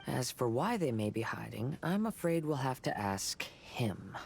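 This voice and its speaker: An actor voicing a calm, polite young swordsman who speaks in a gentle, measured way. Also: mid-range voice, vocal fry, a little hiss or hum.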